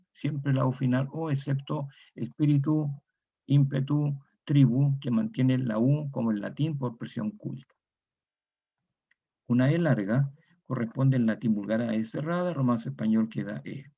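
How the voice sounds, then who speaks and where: A Chilean university lecturer with a creaky, medium-pitched voice delivers a recorded online lecture. He works through it methodically, repeating each example word and tacking on tag questions. The recording sounds muffled.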